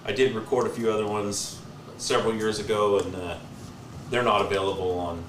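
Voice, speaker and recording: Male musician guest, low-key, trailing delivery, roomy room, mic a ways off. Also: fairly even intonation, far from the mic, background noise. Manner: low-key, trails off quietly, quick asides. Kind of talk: casual chat.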